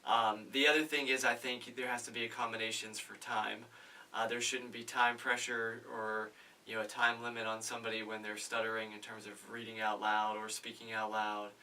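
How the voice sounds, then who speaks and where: A man speaking on a panel about stuttering, earnest and measured, with frequent fillers. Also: fairly low pitch, level tone, bright, forceful tone, distant mic, poor audio. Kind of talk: casual panel discussion.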